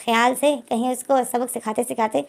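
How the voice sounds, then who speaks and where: A woman's voice: on the high side, steady tone, normal speed, gravelly. A woman voicing an affectionate young man who asks eager, curious questions.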